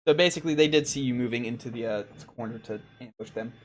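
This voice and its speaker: A game master running a tabletop game, reading out room descriptions with many pauses and fillers. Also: mid-range voice, slight background noise. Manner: hesitant, lots of ums and uhs.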